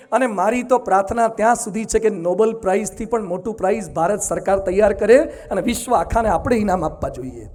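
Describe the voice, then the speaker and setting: Emphatic high-voiced monk preaching. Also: male voice. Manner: emphatic, animated storytelling. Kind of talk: sermon.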